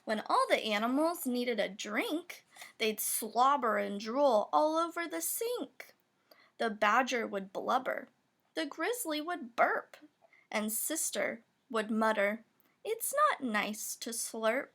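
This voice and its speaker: A woman with a high-pitched voice reads a rhyming children's picture book aloud at an unhurried pace. Her delivery is expressive and playful, leaning with relish on the sound words in the verse.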